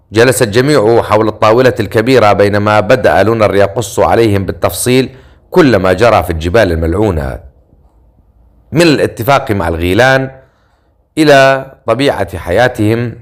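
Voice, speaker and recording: A man narrating a fantasy novel in a measured storytelling manner. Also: lowish voice.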